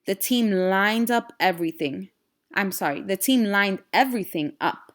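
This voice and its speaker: At normal speed and medium pitch, a woman teacher reads a children's storybook aloud with expression. She puts simple questions straight to her young listeners in an instructional manner.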